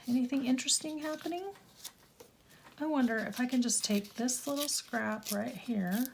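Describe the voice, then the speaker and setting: A middle-aged woman, a little croaky, chatting casually and rambling as she crafts in her home studio, laughing at herself often. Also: a little high, darkish tone, a little hiss or hum. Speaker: craft channel host. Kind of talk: casual chat while crafting.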